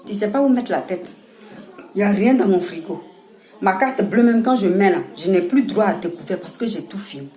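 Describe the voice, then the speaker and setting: A woman with an Ivorian French accent, talking casually and scolding with animated laughs. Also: medium pitch, moderate pace, roomy sound. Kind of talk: casual monologue to camera.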